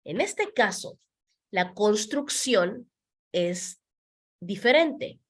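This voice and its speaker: Her voice sits a little high and sounds a bit bright as this Spanish teacher delivers an unhurried beginner grammar lesson. She emphasizes important words with animated rises and falls, says examples again slowly and patiently, and shifts into English when explaining.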